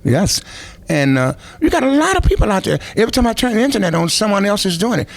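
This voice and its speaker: A man's voice: sits high, big pitch swings, fast, gravelly. An older man, a veteran musician, tells long rambling stories in an interview, with many restarts and asides. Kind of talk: anecdotal interview storytelling.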